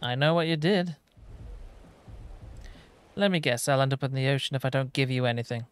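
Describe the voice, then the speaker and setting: Mid-pitched man playing through a game. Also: normal speed, clear, resonant tone. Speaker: video game player. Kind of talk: game walkthrough, reading dialogue choices and commenting.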